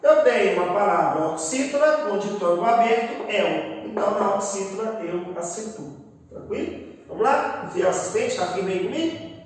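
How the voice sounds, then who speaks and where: A man teaching a grammar lesson in a lively, encouraging way that often checks in with the listeners. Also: high-pitched, moderate pace. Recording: echoey room, distant mic.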